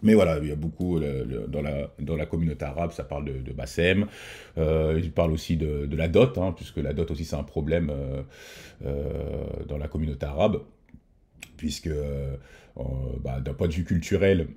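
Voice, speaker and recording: A man's voice: extremely low pitch, normal speed, warm tone. A man hosting a reaction video, talking casually with many hesitations and restarts. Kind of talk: casual commentary.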